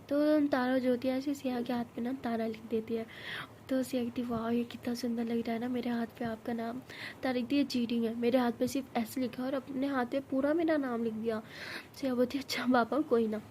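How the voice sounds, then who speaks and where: A woman's voice: steady tone, fairly quick, dark tone, a little hiss or hum. A woman telling a love story in a casual spoken way, acting out the characters' lines herself. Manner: acts out both girls' lines with rising pitch and force.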